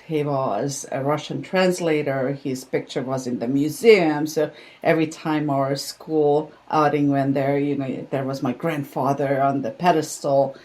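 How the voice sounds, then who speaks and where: An older woman with a Hungarian accent, a podcast guest telling her life story in a warm, reflective way. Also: low-pitched. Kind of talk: podcast interview.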